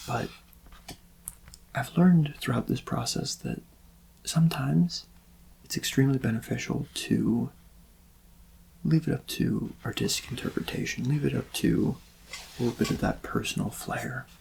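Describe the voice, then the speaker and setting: A soft-spoken man with heavy vocal fry performs an ASMR personal-attention roleplay as a portrait artist. His mid-range, breathy-edged voice drops into whispers and creaky fry, and he sounds gentle, unhurried, reassuring and politely attentive. The recording is low quality, with a little hiss or hum.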